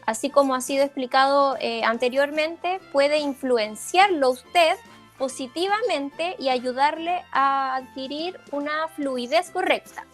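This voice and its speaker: Woman, speech therapist, informal lecture, filler-heavy, high-pitched. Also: measured pace, faint music behind. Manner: explanatory, with frequent "eh" fillers and "¿ya?" check-ins. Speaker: speech therapist giving a parent workshop. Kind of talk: informal lecture over slides.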